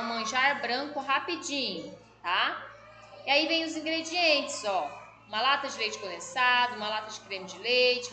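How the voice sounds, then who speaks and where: A woman teacher giving a recorded school lesson, patiently explaining exercises and often checking in with her pupils. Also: fairly high pitch. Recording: echoey room with background music.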